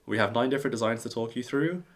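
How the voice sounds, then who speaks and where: A man's voice: mid-range voice, quick pace. A man co-hosting a podcast in a casual, chatty style. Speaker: podcast co-host and co-founder of a craft business.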